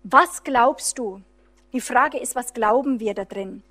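A woman preaching a charismatic sermon, fervent and unscripted, swinging between loud emphatic lines and hushed low ones, with many restarts. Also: slow pace. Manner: frequent restarts and fillers while preaching freely; acts out voices of the enemy and a distressed believer.

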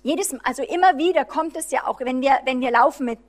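Fervent high-voiced woman preaching. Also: fast, soft background music. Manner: fervent, swings between loud emphasis and hushed low lines; frequent restarts and fillers while preaching freely. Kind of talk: charismatic sermon.

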